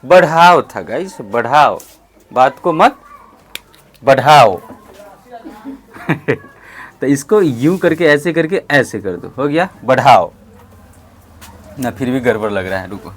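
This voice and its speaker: A man teaching English in a classroom, calling out prompts loudly and saying model phrases slowly for his students to repeat. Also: medium pitch, lively intonation. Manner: loud call-and-response prompting, slow drawn-out model phrases. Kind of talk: classroom lesson.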